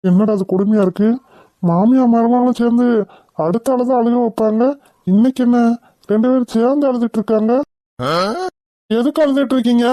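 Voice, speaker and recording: Woman voicing a calm village father, cartoon. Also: a little high, fairly quick, pauses often, no echo, lightly acted. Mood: puzzled. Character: calm middle-aged village father, mildly mocking. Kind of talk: cartoon voice acting.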